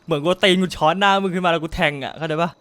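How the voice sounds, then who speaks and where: A man streaming a game live, trash-talking his friends and firing off the same words again and again in quick bursts. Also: fairly high pitch, clean tone. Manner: rapid excited trash talk with friends; repeats words in fast bursts. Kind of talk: live gameplay commentary.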